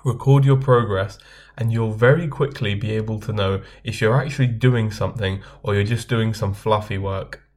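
A man's voice: lowish voice, steady tone, darkish tone. Earnest man giving self-help advice. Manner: earnest, measured advice, addresses viewers as guys. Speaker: self-help video host. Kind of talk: scripted self-help talk to camera.

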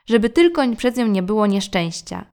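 Gruff worried sea captain, woman doing him, gravelly edge. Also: mid-range voice, big pitch swings, normal speed, darkish tone. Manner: gruff, anxious warnings. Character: worried old fishing-boat captain, man.

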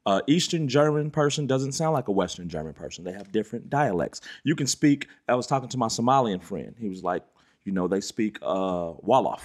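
Podcast co-host, male, husky, insistent explainer in a casual debate. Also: on the low side, lively intonation, a little fast.

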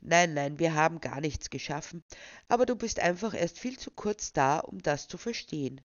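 A man's voice: a little high, moderate pace, dry recording, lo-fi sound, lightly acted. A woman reading as a patient, placating old god. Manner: soothing and conciliatory.

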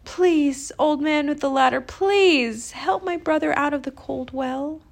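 A woman's voice: high voice, animated, a little slow, voice pushed up. A woman voicing a small, breathless, frantic boy in a children's story, calling out and pleading. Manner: shouting, gasping, pleading.

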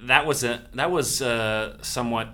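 A man's voice: mid-range voice, unhurried, sharp tone. A man co-hosting a casual podcast, teasing and laughing with friends. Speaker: podcast co-host.

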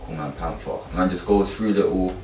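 A man's voice: low voice, normal speed, mellow. A man with a London accent chatting casually in emphatic street slang, like a youth mentor. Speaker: youth mentor and course teacher. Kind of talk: casual chat. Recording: roomy, distant mic, faint background noise.

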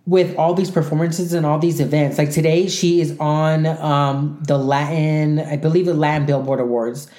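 A woman's voice: sits low, steady tone, normal speed, mellow. A woman co-hosting a casual pop-culture podcast, opinionated and rambling with lots of fillers. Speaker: podcast co-host. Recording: echoey room.

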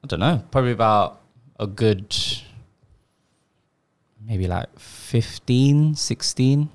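A man's voice: medium pitch, animated, slow, darkish tone. A man in casual discussion, often questioning and interjecting briefly. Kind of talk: casual chat on music.

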